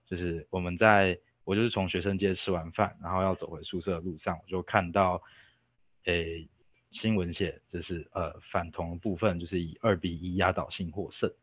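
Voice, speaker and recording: A young man with a Taiwanese Mandarin accent tells a story as a guest, casual and rambling, often stopping himself with fillers. His voice sits low, and the sound is dry and somewhat dull and lo-fi. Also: steady tone, moderate pace, breathy edge, dry recording. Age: young adult. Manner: rambling, self-interrupting with fillers.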